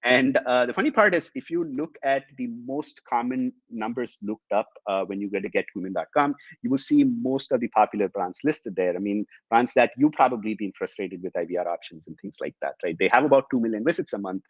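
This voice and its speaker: With hardly any pauses, a company executive whose native tongue is Tamil talks a little fast through a business webinar, hesitant and full of ums and uhs as he explains. His mid-range voice is slightly rough, and the audio is dull with no room sound.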